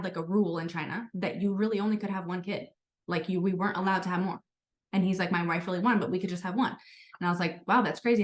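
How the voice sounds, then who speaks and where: Woman, sales team leader, motivational talk, fast, lowish voice, chatty storyteller. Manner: chatty, storytelling, frequent "like" and "guys". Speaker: sales team leader hosting a training call.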